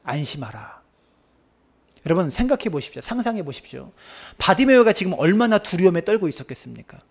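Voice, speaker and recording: A man preaching a Sunday sermon as pastor, impassioned, swinging between loud cries and hushed near-whispers. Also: high-pitched, sing-song, fast, vocal fry.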